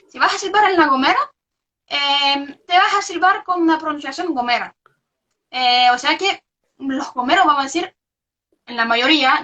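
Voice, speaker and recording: A young Belgian woman, whose first language isn't Spanish, appears as a researcher guest in a casual interview on a live video stream. Her high-pitched, bright voice is hesitant, full of fillers and restarts. The audio is lo-fi online call quality.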